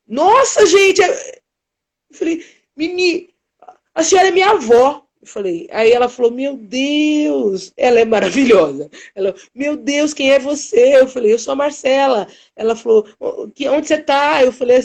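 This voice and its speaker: A woman photographer telling stories in a live interview, acting out the dialogue with expressive voices. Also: on the high side. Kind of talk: animated storytelling in a live interview. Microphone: live stream.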